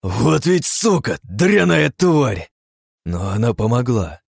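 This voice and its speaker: A man voicing a furious, greedy aristocrat who shouts and snarls. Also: lowish voice, moderate pace, no room sound, clean studio sound, voice pushed up, close to an everyday voice. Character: furious greedy middle-aged male aristocrat.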